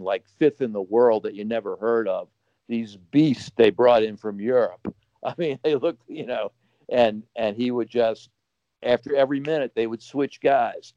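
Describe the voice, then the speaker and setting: A man's voice: medium pitch, dark tone, dry recording, dull audio. A man telling a long anecdote as a podcast guest, rambling casually with fillers and restarts. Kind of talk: casual storytelling.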